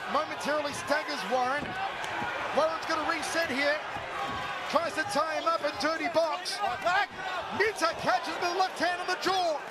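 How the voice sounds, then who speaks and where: A man calling a fight live as play-by-play commentator in a booming, dramatic announcer's delivery full of colourful catchphrases. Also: very noisy. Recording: loud crowd and music behind. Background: loud crowd and music.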